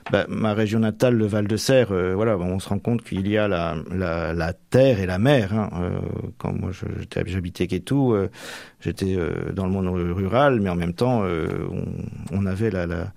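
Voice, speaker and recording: Young man from Normandy, lowish voice, dry close sound; hesitant interviewee with lots of fillers. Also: moderate pace, gravelly, darkish tone, dry recording. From Normandy, France. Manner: hesitant, many fillers and restarts. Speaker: seminarian about to be ordained priest. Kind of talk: radio interview.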